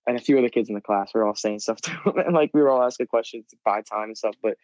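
A man's voice: lowish voice, fast, a little mellow, no room sound, low-quality recording. A teenage boy co-hosting a podcast, telling a long rambling story full of fillers and restarts. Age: teens. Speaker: podcast co-host. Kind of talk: casual chat.

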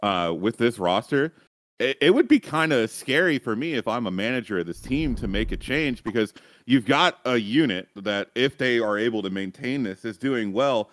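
A man's voice: medium pitch, lively intonation, normal speed, fairly bright tone, no echo. A man on an esports panel, talking casually and thinking aloud with many hedges.

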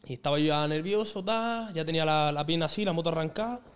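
Young guy, guest spot: rapid, slightly high voice, slangy and animated. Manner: animated, slangy, acts out quotes. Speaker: guest singer. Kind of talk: casual podcast storytelling.

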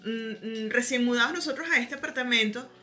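A Venezuelan woman chatting casually on a podcast, telling lively stories about her life abroad. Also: fairly high pitch, a little fast, faint music behind. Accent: Venezuelan Spanish. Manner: lively storytelling, acts out quoted voices. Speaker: podcast guest. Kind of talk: casual chat.

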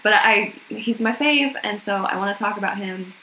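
A woman's voice: mid-range voice, normal speed, pushed and bright, a little hiss or hum. A young woman co-hosting a casual true-crime podcast, laughing often, swearing and filling her talk with "like" and "um". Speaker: podcast co-host. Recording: echoey room.

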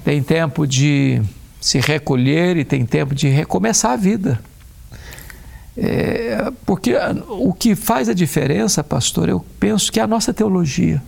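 A man, a preacher talking about faith and grief in a measured way, slowing down to stress key words. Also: fairly high pitch, gravelly, darkish tone.

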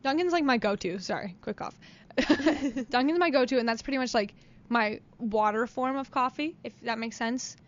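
A young woman co-hosting a podcast in a small studio, chatty and quick to laugh. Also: fairly high pitch, lo-fi sound. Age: young adult. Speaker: podcast co-host. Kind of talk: casual chat. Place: radio studio. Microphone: studio mic.

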